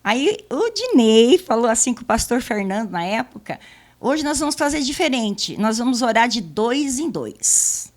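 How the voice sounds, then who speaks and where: A middle-aged woman giving a church testimony, telling her story in a casual, lively way and acting out the dialogue. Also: fairly high pitch, moderate pace.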